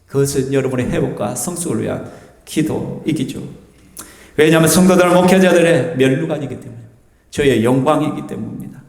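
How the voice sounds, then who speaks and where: A man's voice: mid-range voice, fairly quick, vocal fry. A male pastor with a Gyeongsang Korean accent preaching a sermon in a church, chatty and often asking the congregation questions. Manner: lively, conversational, asks the congregation questions. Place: church sanctuary. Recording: reverberant church hall.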